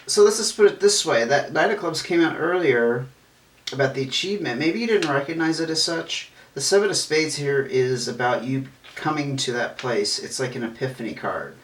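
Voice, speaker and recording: A man's voice: fairly high pitch, a bit bright, far from the mic, slight background noise. A man giving a casual tarot reading in a chatty, reassuring way. He breaks into sudden exclamations as cards turn up and often trips over words and restarts. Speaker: tarot reader. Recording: echoey room, voice off-mic.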